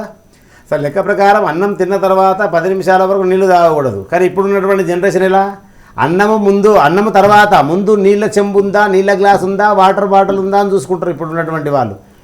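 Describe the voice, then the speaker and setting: A man telling devotional stories in conversation, emphatic, with rhetorical questions and acted-out quotes. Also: sits high. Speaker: religious scholar guest.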